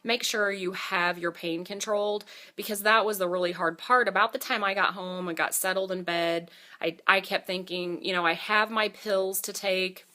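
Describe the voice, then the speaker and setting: Bright-voiced woman chatting through a personal update. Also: on the low side, steady tone, normal speed, hardly any pauses. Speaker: vlogger giving a surgery recovery update. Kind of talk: casual personal storytelling to camera.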